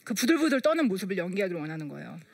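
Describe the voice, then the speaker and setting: Animated woman telling parenting stories. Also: medium pitch, very fast, vocal fry, husky. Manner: lively, acts out dialogue in quoted voices. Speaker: lecturer on parenting. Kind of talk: storytelling lecture.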